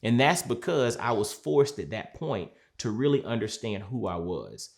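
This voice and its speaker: Earnest low-voiced man coach. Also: very animated. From Georgia, USA. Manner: earnest, measured, repeats phrases for emphasis. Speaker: mindset coach. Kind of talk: reflective sit-down talk.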